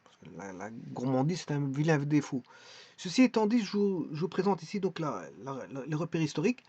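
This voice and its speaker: A man's voice: fairly high pitch, big pitch swings, fairly quick, warm tone, husky, no echo, muffled recording. A man talking casually in a vlog, presenting a website with many hesitations, restarts and repeated words.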